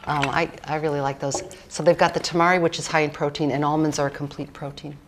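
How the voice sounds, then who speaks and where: A woman's voice: deep voice, flat delivery, fast talker, slight background noise. A woman cookbook author chatting casually through a cooking demonstration, rambling with jokes and fillers.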